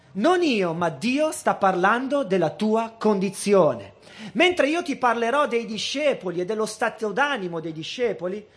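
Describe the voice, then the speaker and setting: A man in his thirties preaching a sermon, earnest and emphatic, slowing down to stress key words. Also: high voice. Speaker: guest preacher.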